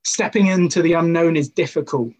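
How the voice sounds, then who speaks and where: A man's voice: on the high side, fairly quick, darkish tone, low-quality recording. A man giving an informal sermon to a youth group, talking conversationally with personal stories and rhetorical questions.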